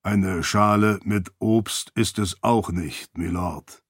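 A slow, deep and bone-dry old manservant, as a male narrator puts him on. Every word lands deadpan and unhurried, with a close, dry sound. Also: slightly rough, no room sound.

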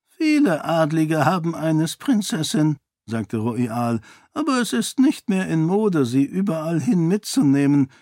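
Elderly genial duke played by a man, courtly, dry-witted, raised pitch, dry recording. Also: sing-song, unhurried, a little mellow, no echo. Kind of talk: audiobook character voice.

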